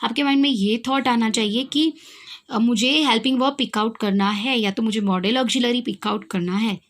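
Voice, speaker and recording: A woman's voice: on the high side, steady tone, moderate pace. A young woman with an Indian accent teaching an English grammar lesson, asking her students questions and answering them herself. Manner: asks questions and answers them herself, repeats key points.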